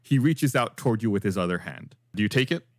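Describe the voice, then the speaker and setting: A man's voice: fairly low pitch, lively intonation, fast, a little mellow, no echo, studio quality. A man narrating as game master in a playful way, often breaking into laughter. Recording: faint music behind.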